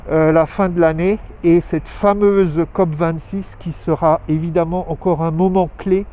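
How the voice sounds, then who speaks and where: A man with a high-sitting, mellow voice hosts his weekly live show outdoors on town streets, filmed on a handheld phone or camera. His casual vlog update rambles, hesitant and full of fillers.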